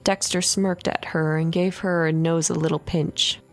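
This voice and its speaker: A woman reading a horror story aloud in an expressive first-person narration. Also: low voice, measured pace, faint music behind.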